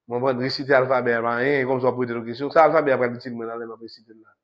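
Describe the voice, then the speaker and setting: A man's voice: mid-range voice, fairly even intonation, quick pace, highs cut off. A man with a Haitian accent giving a university lecture, switching between French and Creole and repeating key points with emphasis. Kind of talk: classroom lecture.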